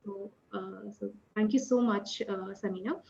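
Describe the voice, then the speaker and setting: A woman's voice: mid-range voice, fairly even intonation, moderate pace, gravelly, warm tone, muffled recording. A woman with an Indian English accent moderating a virtual panel discussion, hesitant, with many filler sounds. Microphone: video call.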